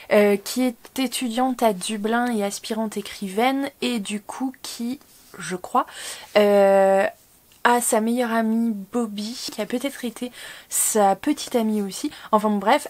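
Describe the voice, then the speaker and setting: Woman vlogging about her books, rambly, lots of ums and restarts, chatting at home. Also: mid-range voice. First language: French. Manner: rambling, many fillers and self-corrections. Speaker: book vlogger. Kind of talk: casual chat.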